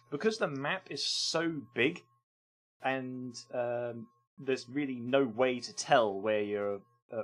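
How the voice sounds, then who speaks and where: A man casually reviewing games on a live stream, rambling and hesitant with lots of ums. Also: mid-range voice.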